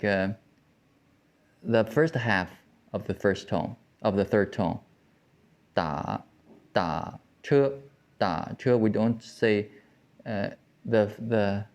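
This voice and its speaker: A man teaching Mandarin tones, explaining slowly with frequent restarts and pauses. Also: lowish voice, a little mellow. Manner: halting, with many restarts and fillers. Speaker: Chinese language teacher. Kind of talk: slow explanatory lesson.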